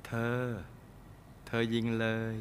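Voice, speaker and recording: A man voicing a defiant mother, low and hushed. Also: takes it slowly, natural voice. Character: defiant middle-aged mother facing down a gunman.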